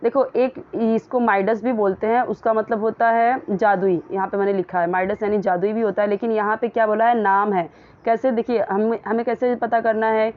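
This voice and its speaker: A woman teaching English in Hindi, patiently translating a story phrase by phrase and reading the English words slowly. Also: mid-range voice, fairly even intonation, narrow, tinny audio. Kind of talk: explaining a story line by line in Hindi.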